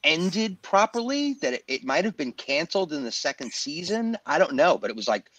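A man chatting about a TV series in a measured, thoughtful way, pausing to search for words. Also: a little high, very animated, a bit bright, no echo, rough recording. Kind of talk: casual chat about TV shows.

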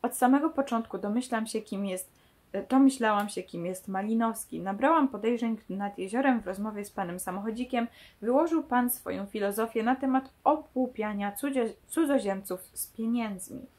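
A woman reading as a sharp young heroine. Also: fairly high pitch, normal speed, natural voice. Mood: accusing. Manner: read aloud from a novel, lightly voiced.

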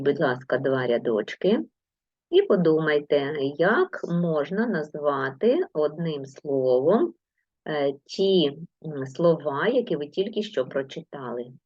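A Ukrainian primary school teacher gives a video lesson to young pupils, patiently and encouragingly giving instructions. Her voice sits low, and the audio is dull with no echo.

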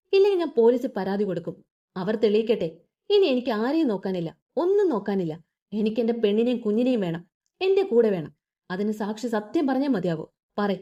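A woman's voice: a little high, warm tone. A woman voicing a furious young husband who speaks harshly and makes threats, on a dull lo-fi recording.

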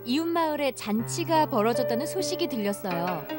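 High-voiced woman storybook narrator. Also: very animated, brisk, over loud music. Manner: gentle storytelling for children.

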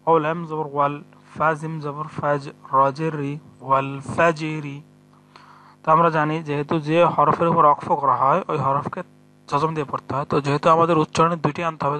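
A man with a bright, fairly high voice that stays within a narrow pitch range. He patiently spells out letters and vowel marks one at a time, then draws the verse out in a slow chant. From Bangladesh. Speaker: Quran reading teacher. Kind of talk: step-by-step recitation lesson.

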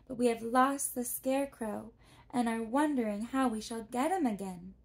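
Soft eager little girl in a storybook, a woman doing her voice, whispered role-play. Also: a little high, normal speed, vocal fry. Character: eager polite young girl heroine.

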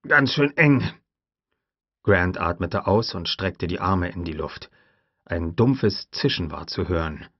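Low male narrator, measured storytelling, dry and dull lo-fi recording. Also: slightly rough, no room sound. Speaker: audiobook narrator. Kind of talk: scripted narration.

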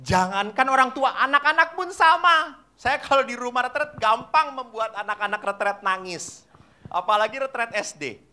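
Lively priest preaching. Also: male voice, extremely high pitch, moderate pace. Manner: animated storyteller acting out voices and asking the audience questions. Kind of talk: lively sermon to a live congregation.

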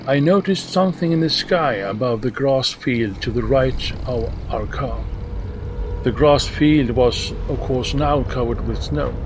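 Calm Swedish man telling a story. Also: medium pitch, noisy background. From Sweden. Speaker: listener sharing a story. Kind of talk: recorded voice message story.

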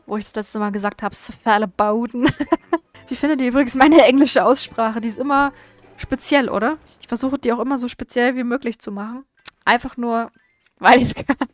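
Woman, chatty gameplay commentary, talks back to game characters, giggles a lot, pitch a touch high. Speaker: gaming YouTuber.

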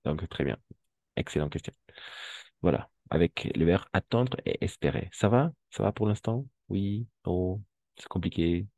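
A man's voice: low voice, unhurried, mellow, dry recording. A man teaching a French lesson, patiently explaining and switching between French and Spanish. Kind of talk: online language lesson.

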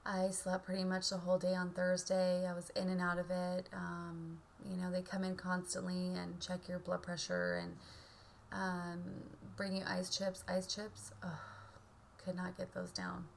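A woman in her thirties talking casually and haltingly in a subdued way, as in a video diary recorded at home on a webcam. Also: lowish voice, gravelly, slight background noise. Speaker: vlogger. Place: indoor room at home. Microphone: webcam or laptop mic at arm's length.

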